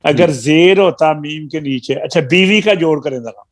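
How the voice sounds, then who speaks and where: A man teaching a live Quran recitation class, explaining step by step with patient, drawn-out syllables and gentle teasing. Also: on the high side.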